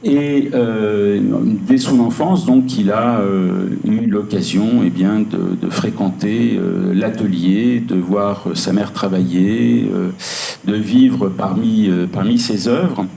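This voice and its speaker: A male interviewer with a low, mellow voice who speaks very slowly, halting often. He sounds echoey, as if recorded in a roomy lecture hall. Faint noise hums behind him. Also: vocal fry. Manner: slow, halting, many fillers. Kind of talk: public interview questions. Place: lecture room.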